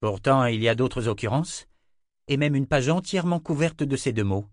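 A man voicing a young seeker who reasons calmly, in an audiobook reading. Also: mid-range voice, normal speed, no echo, studio quality, pitched above the performer's own voice, close to an everyday voice. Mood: questioning. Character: young male seeker, calm and questioning.

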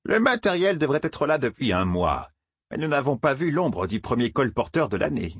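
A man's voice: mid-range voice, sing-song, moderate pace, slightly rough, no echo, studio quality, pitched above the performer's own voice. A man voicing a stubborn, grumbling old villager, contrary and sour. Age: older.

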